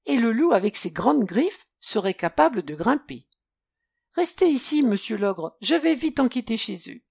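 A woman voicing a clever young male detective prince in a storybook reading, calm and inquisitive. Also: a little high, moderate pace, creaky, breathy edge, no echo, clean studio sound, heavily acted.

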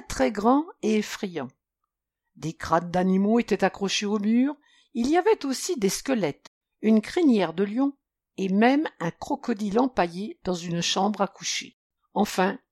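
A woman reading a children's story aloud, expressive and measured. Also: mid-range voice, dry recording, studio quality.

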